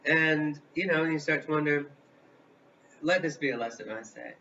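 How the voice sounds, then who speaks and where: A man in his thirties from the American Midwest, co-hosting a live vlog in a halting, rambling comic chat full of fillers and restarts. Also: on the high side, sharp tone. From Illinois, US Midwest. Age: 30s. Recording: distant mic, dull lo-fi sound, faint hiss.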